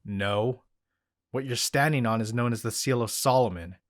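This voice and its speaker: An actor playing a calm, knowledgeable male occult expert who explains things in a measured way, also narrating in an audio drama. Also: mid-range voice, no room sound, clean studio sound, natural voice. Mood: level.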